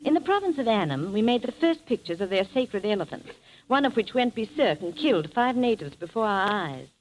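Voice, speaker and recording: In a faintly noisy 1930s radio broadcast, a woman guest who travels and makes films shares travel tales in a scripted interview. Her mid-range voice swings widely in pitch, moving a little fast with a polished, formal delivery.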